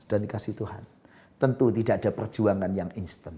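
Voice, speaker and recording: A male pastor preaching a sermon, moving between hushed murmurs and loud exclamations. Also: fairly low pitch, brisk.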